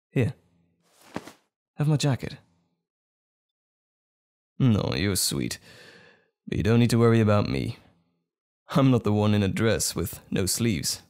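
An audio roleplay performer plays a tender, smitten date in an intimate romantic ASMR scene. He speaks gently and hesitantly, close to the mic, with lingering pauses and a lowish voice.

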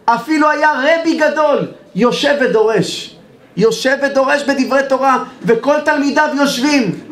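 A man's voice: extremely high pitch, a bit bright. A male rabbi preaching a sermon with passion, firing off rhetorical questions at his listeners. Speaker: rabbi giving a lecture. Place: evening lecture in a hall. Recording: echoey room sound.

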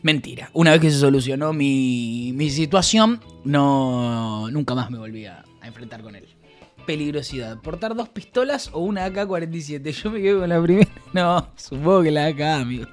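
A man from Argentina with a Rioplatense accent, telling stories in casual chat, switching between loud mock-tough outbursts and low asides. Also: lively intonation, normal speed, soft background music. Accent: Rioplatense Spanish. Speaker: streamer and radio host.

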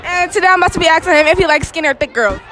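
A very high-pitched teenage girl asks her classmates cheeky questions, talking casual and slangy. Her phone picks her up close. Loud crowd chatter fills the background. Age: teens. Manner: quick, playful, slangy questions. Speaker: student interviewer. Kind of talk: casual school hallway interviews. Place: busy school gym and halls. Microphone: phone held out by hand.

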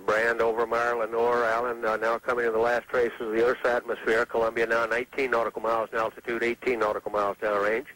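A man's voice: medium pitch, completely flat delivery, fast, few pauses, a bit bright. A man giving live mission control radio commentary on a launch in clipped, factual, procedural phrases. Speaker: mission control public affairs announcer. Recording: noisy old space launch broadcast.

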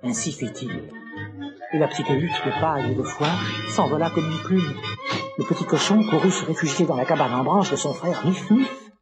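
A man narrating a children's storybook record in an animated, expressive way, with music behind. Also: on the high side, moderate pace, dull audio.

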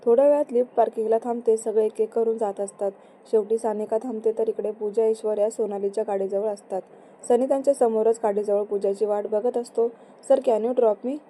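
Mellow, flat-toned woman narrator. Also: fairly high pitch, brisk, a little hiss or hum, poor audio. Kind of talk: scripted story narration.

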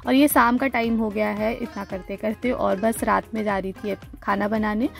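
A woman's voice: medium pitch, fairly even intonation, normal speed, vocal fry, soft background music. A woman from India talking casually over her home vlog, explaining each step in a chatty way. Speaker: vlogger.

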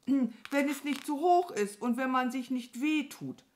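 A woman voicing a gentle, thoughtful cow who talks earnestly. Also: high-pitched, animated, unhurried, pitched above the performer's own voice. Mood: musing. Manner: earnest, musing.

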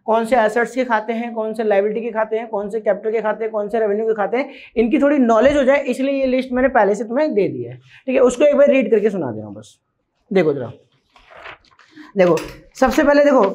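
A man with a high voice leads an accounting lesson, drilling each rule through repetition and quick quizzing of his students. The recording sounds dull and lo-fi. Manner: drills rules by repeating them and quizzing students. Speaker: accounting teacher. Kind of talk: classroom lecture.

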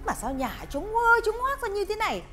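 A woman's voice: extremely high pitch, sing-song, fairly quick, over music. A woman voicing a scheming rural mother-in-law who coaxes and scolds. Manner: chatty, coaxing, then scolding. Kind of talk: dubbed drama voice acting.

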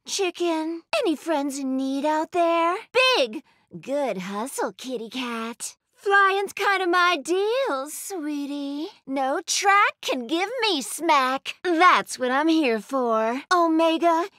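A woman's voice: high-pitched, expressive, slow pace, fairly bright tone, no echo, studio quality, full character voice. An actress voicing a sassy, flirty female bat racer in a video game, smug and teasing, with a sultry, taunting manner. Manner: sultry, taunting, pet names like sugar and honey. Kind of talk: video game character voice lines.

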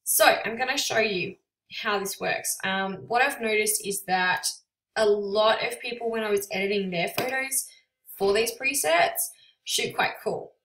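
A woman giving a relaxed, chatty software tutorial with frequent ums, recorded on a built-in computer microphone without a proper mic. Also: medium pitch, measured pace, background noise. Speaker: photographer selling presets. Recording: tinny, echoey sound without a proper microphone.

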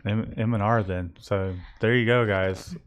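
Rambling shop owner, chatty. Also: male voice, fairly low pitch, steady tone, measured pace. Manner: rambling, self-correcting, joking. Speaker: co-owner of a screen printing shop, channel host. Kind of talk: casual chat. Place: screen printing shop.

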